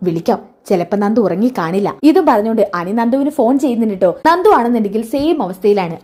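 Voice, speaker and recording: A woman's voice: on the high side, darkish tone. A woman narrating a serial recap in a casual, chatty storytelling way. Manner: chatty, tags lines with friendly asides.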